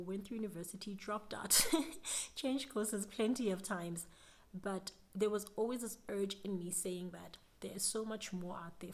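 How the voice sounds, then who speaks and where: A young South African woman with a South African accent, giving an earnest, reflective motivational talk to camera about business. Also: fairly low pitch. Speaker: business vlogger.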